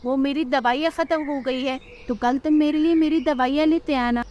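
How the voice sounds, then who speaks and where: A woman's voice: high-pitched, steady tone, moderate pace, a little mellow, muffled recording, slight background noise, natural voice. Woman voicing a bossy old mother crow. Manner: calling out, bossy requests.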